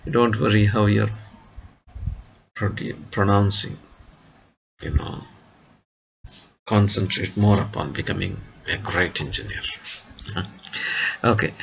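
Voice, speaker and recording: A man with an Indian English accent giving a classroom lecture to engineering students, slow and repetitive, leaning on "you see" and "okay". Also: fairly low pitch, vocal fry, sharp tone, husky, highs cut off.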